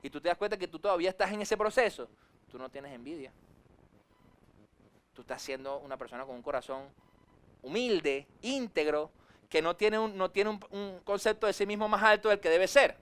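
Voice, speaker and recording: A man preaching a sermon as pastor, swinging his voice up and down for emphasis and acting out quick asides. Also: high voice, a bit bright, clear, resonant tone. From Venezuela. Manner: preachy, rises and drops sharply for emphasis, acts out quick asides.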